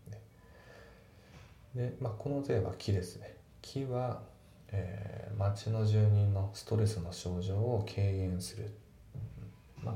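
Low, gravelly-voiced man teaching. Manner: calm, methodical, reads English slowly. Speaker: English teacher. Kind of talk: explaining English grammar and pronunciation. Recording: echoey room with faint background noise.

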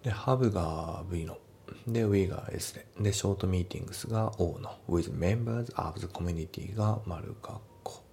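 A man teaching an English test lesson in Japanese, taking sentences apart step by step and slowly modelling English lines. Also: low voice, mellow, a little hiss or hum. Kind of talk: TOEIC lesson walkthrough.

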